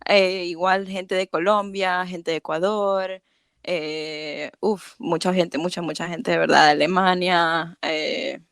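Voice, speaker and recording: A woman's voice: fairly low pitch, fairly even intonation, slow pace, creaky, smooth, no room sound, studio quality. Venezuelan woman speaking with a Latin American accent. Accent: Latin American Spanish. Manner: warm, hesitant, many fillers and soft laughs. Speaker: podcast guest, chemical engineer. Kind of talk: casual interview chat.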